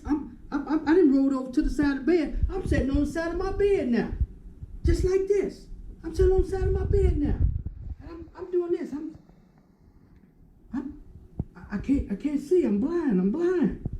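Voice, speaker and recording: A man's voice: very high voice, dark tone. A man in his sixties telling his dream story in an emotional, repetitive, dramatic way, acting out each moment. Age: 60s. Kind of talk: emotional first-person storytelling. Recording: echoey room with faint hum.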